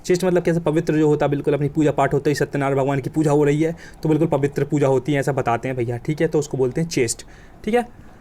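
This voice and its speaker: Fast-talking vocabulary teacher, man. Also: on the high side, steady tone, mellow. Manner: colloquial, joking, emphatic with vivid examples. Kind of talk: exam coaching lesson.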